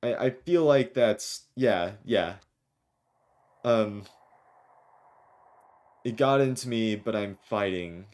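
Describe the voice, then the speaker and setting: A man's voice: fairly low pitch, animated, slow pace, long pauses, a little mellow. A man streaming a video game, chatting jokily and reading the dialogue aloud. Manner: jokey, rambling, reads lines with small voices.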